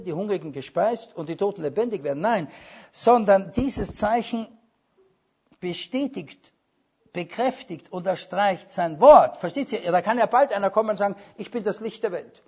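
A man's voice: high-pitched, vocal fry, a little mellow, slightly rough. A man preaching a sermon with emphasis, quoting scripture and dropping wry asides. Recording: dull lo-fi sermon recording.

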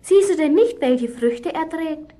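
A woman's voice: high-pitched, lively intonation, a little slow, dark tone, voice pushed up. A woman in a children's radio play voicing a sly, tempting serpent, coaxing and mocking.

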